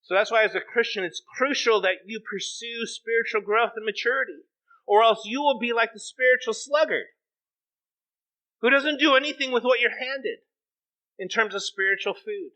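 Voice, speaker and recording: A middle-aged man preaching a sermon as pastor, animated and acting out quoted voices. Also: very high-pitched, moderate pace, rough recording. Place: church sanctuary.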